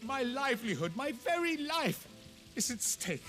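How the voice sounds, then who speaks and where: An actor playing a desperate, pleading bathhouse owner in a video game. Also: male voice, extremely high pitch, sing-song, a little slow, sharp tone, soft background music, exaggerated voice. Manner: pleading, anxious. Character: desperate middle-aged male bathhouse owner.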